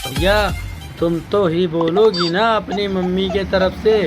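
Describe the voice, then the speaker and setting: A preachy older father-in-law in a cartoon comedy, voiced by a man lectures in a high, unhurried voice. Music plays clearly behind him. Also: fairly even intonation. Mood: lecturing. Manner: lecturing, measured, proverb-quoting. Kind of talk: cartoon voice acting.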